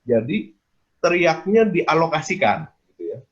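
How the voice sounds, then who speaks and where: Lively man lecturing over muffled call. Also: fairly high pitch, a little slow. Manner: quizzes the audience, tag questions, casual explaining. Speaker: design lecturer presenting his book. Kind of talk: interactive lecture.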